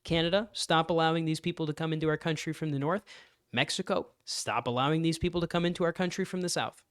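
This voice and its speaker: A man giving a political opinion monologue, emphatic and sarcastic, mocking opponents in high put-on voices. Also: steady tone, fast, smooth, dry recording, clean studio sound. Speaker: political commentator.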